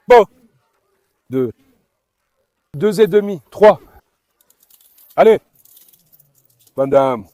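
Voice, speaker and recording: Male farm vlogger, high voice, dry close sound, keeps coaxing and calling the dogs. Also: dark tone, no echo. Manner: coaxing, calls to the dogs while talking to viewers. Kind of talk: casual vlog commentary.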